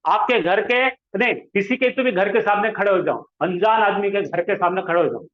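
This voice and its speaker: Speaking in a high voice at a moderate pace, a male Arabic grammar teacher runs a lesson and gets the class to say words back to him. The audio is lo-fi and dull, with a roomy echo.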